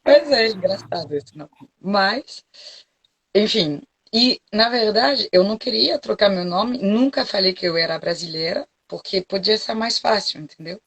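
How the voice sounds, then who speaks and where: A woman's voice: mid-range voice, animated, a little slow, husky. A French woman with a French accent, a forró dance teacher chatting frankly as an interview guest and often checking that she is understood. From France. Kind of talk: casual interview chat.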